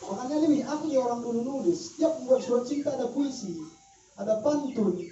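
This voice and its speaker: A man talking at a casual group discussion, walking through his ideas with spoken examples. His voice sounds dark and mellow. He is picked up from across an echoey room on a dull, muffled recording. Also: very high-pitched, a little fast, recorded from a distance, a little hiss or hum. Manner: explanatory, illustrates points with spoken examples. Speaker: discussion speaker.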